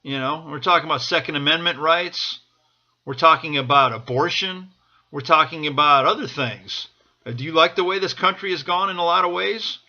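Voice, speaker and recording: A man's voice: fairly high pitch, normal speed, sharp tone, muffled recording. A man from the United States giving an impassioned off-the-cuff pep talk as a political supporter, urging listeners on and repeating his phrases. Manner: urgent, exhorting, repeating phrases.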